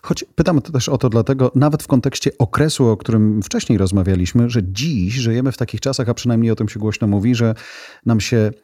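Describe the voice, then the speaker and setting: A man's voice: medium pitch, fairly quick, mellow, no room sound, clean studio sound. A man hosting a podcast, asking thoughtful questions and closing the show. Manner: brief affirmations, thoughtful questions. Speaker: podcast host. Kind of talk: interview and outro.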